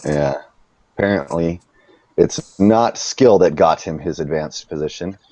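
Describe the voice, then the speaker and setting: A man narrating a tabletop game as game master, casual and quick to exclaim at bad rolls. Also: sits low, mellow, no room sound.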